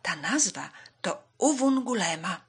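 A woman voicing a wise, patient old village woman who speaks slowly and deliberately. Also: mid-range voice, sing-song, slightly rough, full character voice. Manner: slow and deliberate.

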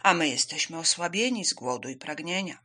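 A woman voicing a hungry, tired male lion who leads the animals, speaking in a steady, low, measured way. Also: breathy edge, exaggerated voice. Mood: weary.

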